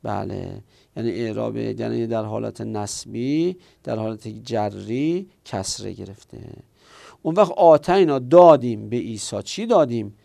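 Gravelly-voiced man teaching grammar. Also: lowish voice, mellow, dry recording. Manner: explains step by step, asks and answers his own questions. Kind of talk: classroom grammar lesson.

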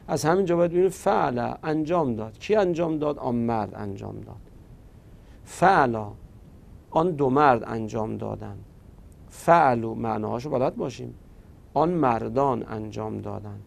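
Male grammar teacher, gravelly voice, patient and repetitive, recorded lesson. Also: mid-range voice, a little mellow. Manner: patient, repetitive drilling of verb forms.

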